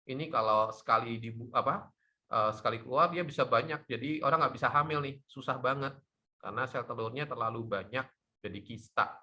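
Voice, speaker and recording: A middle-aged man, a doctor, explaining health topics in a lively talk show chat. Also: mid-range voice, fairly quick. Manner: lively, animated explaining with laughs.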